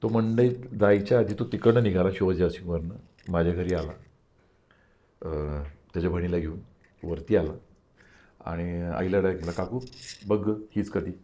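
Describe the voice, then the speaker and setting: A man's voice: low voice, moderate pace, dark tone. An older man, an interview guest, telling a personal story and acting out the dialogue of the people in it.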